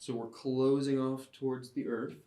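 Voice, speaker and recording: A man teaching a yoga class, giving calm step-by-step cues timed to the breath. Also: mid-range voice, moderate pace. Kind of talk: guided yoga class instruction. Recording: roomy sound, mic at a distance.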